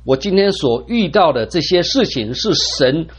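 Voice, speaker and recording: A man's voice: a little high, sing-song, normal speed, slightly rough, voice pushed up. A man reading the lines of an anguished, suffering old man who pleads with God and laments that he is being wronged. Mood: anguished pleading.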